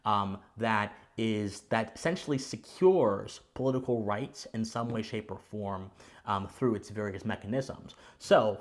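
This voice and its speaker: Man giving an emphatic explainer. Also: on the low side. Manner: didactic, formal wording. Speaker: host of a political commentary channel. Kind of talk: explanatory political commentary to viewers.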